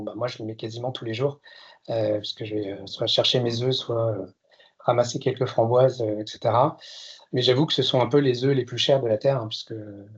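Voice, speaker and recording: A man's voice: medium pitch, slightly rough, highs cut off. A man in his fifties from France giving a presentation to an audience, with hesitant delivery, frequent filler sounds and self-deprecating humor. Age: 50s. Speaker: consultant giving a masterclass talk.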